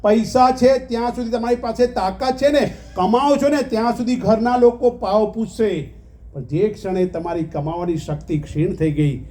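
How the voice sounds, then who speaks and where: High-voiced man telling a sermon parable. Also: warm tone, a little hiss or hum. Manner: storytelling that acts out dialogue and often addresses listeners as "saheb"; rhythmic repetition of short phrases. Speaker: swami giving a spiritual discourse. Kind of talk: devotional discourse with parables.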